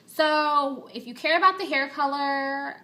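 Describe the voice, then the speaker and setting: Female vlogger, casual and candid. Bright, forward voice sitting slightly high, chatty delivery to viewers. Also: unhurried, low-quality recording. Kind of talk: casual chat to viewers, personal update.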